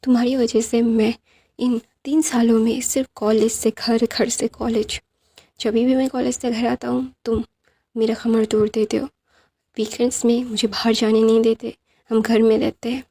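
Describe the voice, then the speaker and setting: A woman's voice: on the high side, flat delivery, moderate pace, dark tone. A woman voicing a whiny, dramatic young man in a told fan story, complaining and pleading with English phrases mixed in. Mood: exasperated. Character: whiny young male omega, dramatic and exasperated.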